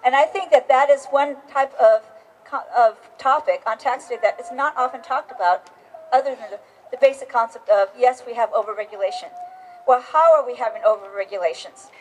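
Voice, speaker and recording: A woman's voice: a little high, a little fast, slight background noise, low-quality recording. A middle-aged woman giving an emphatic political speech outdoors at a rally, often restarting her sentences. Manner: emphatic, insistent, with many restarts. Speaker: rally speaker. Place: outdoors on capitol steps.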